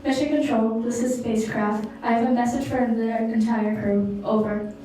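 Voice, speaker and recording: A fairly high, mellow-toned woman reports from the spacecraft through a sci-fi communicator intercom, using formal radio calls. She sounds far away and echoing, with faint noise underneath. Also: fairly even intonation, moderate pace. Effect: heard over an intercom speaker in a sci-fi mission role-play. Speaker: spacecraft comm officer in a class simulation. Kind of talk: formal radio protocol, signing off with "over".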